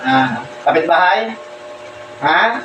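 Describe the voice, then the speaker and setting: Insistent high-voiced man interrogating, echoey and distant. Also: animated, takes it slowly. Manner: repetitive, demanding, barks short questions. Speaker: folk healer questioning a bewitched person. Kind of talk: insistent interrogation during a healing ritual. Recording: echoey, distant, with loud ambient noise.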